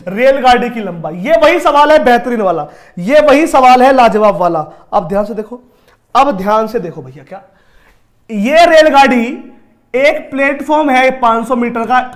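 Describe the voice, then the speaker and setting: Man, young adult, high-pitched, sore throat; chatty live-class math teacher who talks right to students. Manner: chatty, addresses students directly, digresses into stories. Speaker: online exam-prep teacher.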